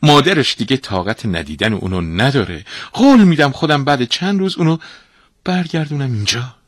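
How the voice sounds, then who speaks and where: A man's voice: medium pitch, expressive, no echo, studio quality, voice pushed up, lightly acted. A man doing a humble old father. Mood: earnest. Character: simple, kindly old father.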